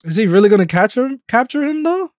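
A man's voice: very high voice, sing-song, quick pace. A man in his thirties giving casual, slangy reaction commentary as host, close on a microphone. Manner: slangy, informal. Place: small home streaming room. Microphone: close microphone on a boom arm. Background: music from the show.

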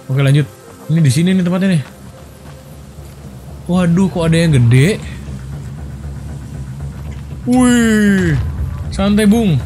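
A man's voice: fairly high pitch, normal speed, pauses often. A young man, commentating casually on his own gameplay, joking and squealing as he plays. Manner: playful, excitable, jokey slang and squeals. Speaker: gameplay streamer. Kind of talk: casual let's play commentary. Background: game music.

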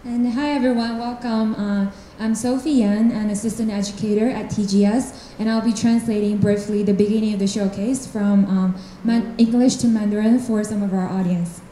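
A young woman with a very dark, mellow voice interprets live at a school event, pausing on fillers as she goes. Her handheld mic echoes through a large hall, with a faint hiss behind. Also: mid-range voice, steady tone. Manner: hesitant, with fillers. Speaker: assistant educator and interpreter. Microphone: handheld microphone.

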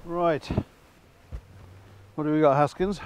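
An actor playing a weary police detective, curt and dry, in a short film with noisy ambience behind him. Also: male voice, a little high, steady tone, slow pace.

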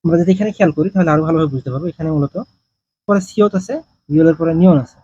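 In a very fast grammar lesson, a man teaches language, breaking things down stepwise and supplying answers to his own questions. His voice is high, dark and a touch husky, and the sound is dry, a little dull, and echo-free.

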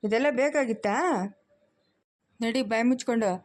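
A woman's voice: fairly high pitch, normal speed, darkish tone, close to an everyday voice. A woman doing an angry, threatening grandfather. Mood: angry, scolding. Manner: scolding, threatening. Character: angry protective grandfather, hot-tempered.

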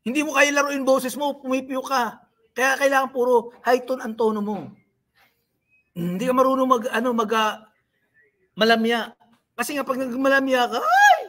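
A man's voice: extremely high pitch, steady tone, moderate pace, long pauses, a bit bright. A man hosting a livestream, mocking and scolding the people he talks about in a rant. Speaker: livestream host. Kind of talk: live-stream commentary.

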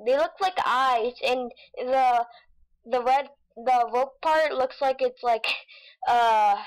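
A woman giving excitable gameplay commentary, with frustrated outbursts and silly nonsense sounds. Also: sits high, slow pace, poor audio. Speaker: gamer. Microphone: desk mic with face cam.

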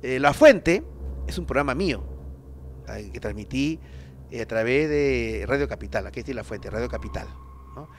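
A man with a Peruvian accent hosting a paranormal show, telling stories in a loose, slangy, animated way with lots of fillers. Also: medium pitch, moderate pace, slight background noise. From Peru. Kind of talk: casual paranormal storytelling.

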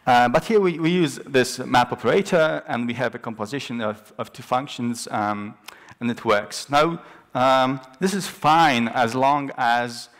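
A man's voice: mid-range voice, measured pace, fairly bright tone. A young man presenting a technical talk on a large conference stage, explaining step by step with frequent ums and restarts. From Poland. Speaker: conference speaker.

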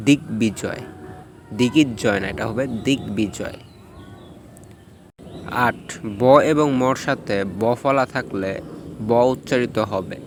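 A man's voice: mid-range voice, slight background noise. A young man teaching an exam-prep pronunciation lesson, explaining rule by rule and answering his own questions.

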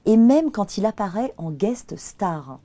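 Admiring female interviewer, mellow voice. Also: medium pitch, expressive, takes it slowly. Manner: warm, admiring questions. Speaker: interview host.

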